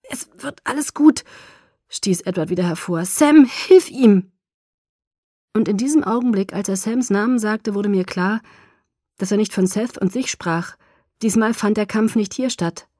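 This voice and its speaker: A woman reading a novel aloud in the first person, with a dramatic, expressive delivery. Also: medium pitch, no echo, studio quality. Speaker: audiobook narrator.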